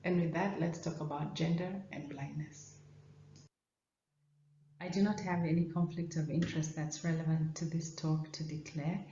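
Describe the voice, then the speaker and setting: Woman from Kenya, low voice, non-native English, measured lecture; echoey, slightly dull recording. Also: steady tone, mellow, slight background noise. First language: not English. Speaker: professor of ophthalmology. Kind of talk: conference presentation.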